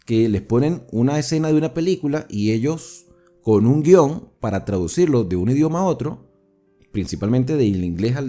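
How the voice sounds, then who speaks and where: Lively man teaching a Bible study. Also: medium pitch. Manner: conversational, explains verse by verse and asks the audience questions.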